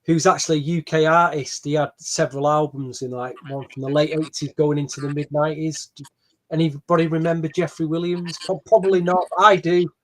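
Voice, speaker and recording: A man's voice: on the high side, little pitch movement, a little fast. A man reviewing album tracks bluntly in a casual podcast chat. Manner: blunt and opinionated. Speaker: podcast co-host.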